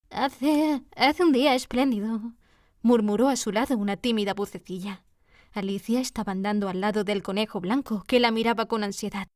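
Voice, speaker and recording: A woman narrating a classic storybook with a steady, measured reading. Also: medium pitch, no room sound, studio quality. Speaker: audiobook reader.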